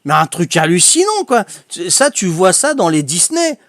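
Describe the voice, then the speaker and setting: A man's voice: high voice, very animated, moderate pace, fairly bright tone, no echo, studio quality. An older man from Corsica, a streamer telling casual anecdotes in a chatty way, laughing often and filling his talk with repeats.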